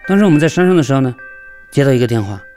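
A man from Yunnan spins a tale about his own adventure at an ordinary mid pitch. He chats in a lively way and briefly slips into the voices of the people he met. Faint music runs underneath. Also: very fast. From Yunnan, China. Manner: lively, chatty, acts out the dialogue. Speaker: local merchant telling his story. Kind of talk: storytelling interview.

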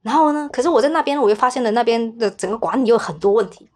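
A woman's voice: on the high side, very fast. A young woman telling a personal story as a podcast guest, speaking hesitantly, often repeating words and restarting her sentences. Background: soft background music.

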